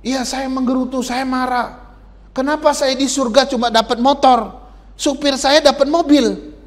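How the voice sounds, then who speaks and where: A man's voice: extremely high pitch, fairly even intonation, measured pace, big-room sound, voice pushed up. A man voicing a petty, grumbling woman in a sermon illustration, complaining indignantly. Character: grumbling middle-aged woman in heaven, petty.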